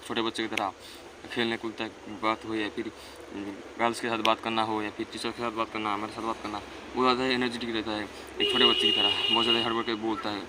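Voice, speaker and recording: Earnest teen boy, flat low voice. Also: fast talker, heavy background noise. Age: teens. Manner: earnest, rambling, repeats himself. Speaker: self-improvement vlogger. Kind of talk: casual advice monologue.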